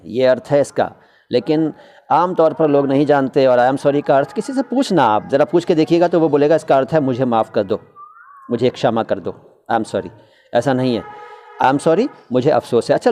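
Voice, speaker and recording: A man's voice: mid-range voice, mellow. A middle-aged man giving a casual spoken lesson on Hindi and Urdu usage, repeating words to model how they should be said. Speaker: Hindi-Urdu language teacher.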